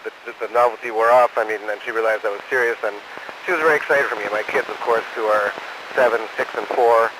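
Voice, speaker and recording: A man, an astronaut, answering questions in an unscripted, halting way over a space radio transmission. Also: fairly low pitch. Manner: halting, saying "over" after each answer. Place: aboard the space station. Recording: noisy space-to-ground radio link.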